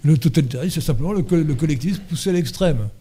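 A man's voice: fairly high pitch, lively intonation, fast talker, dark tone, a little hiss or hum. A man giving a conference lecture and answering audience questions, hesitant and full of fillers and restarts, then driving his points home emphatically.

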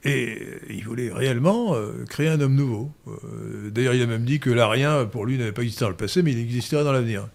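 A man holds forth in a political talk, pausing often to search for words before pressing his points with emphasis. His voice sits at an ordinary middle pitch. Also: vocal fry, a little mellow. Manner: lecturing, many hesitations, emphatic. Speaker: guest commentator. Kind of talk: political discussion.

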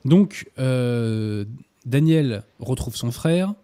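A man takes his turn in a radio conversation about a book, courteous and formal with his guest. His voice is deep-toned, very dark and mellow. He speaks at a middling pitch. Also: lively intonation, extremely slow, clean tone. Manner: polite, formal address. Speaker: radio show host. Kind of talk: casual conversation about a novel.

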